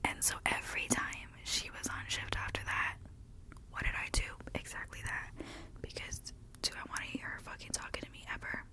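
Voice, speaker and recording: A young woman whispering a profane, ranting workplace gossip story as ASMR, growing heated, close to the mic. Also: moderate pace. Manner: animated, gets heated. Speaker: ASMR creator. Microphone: close handheld recorder.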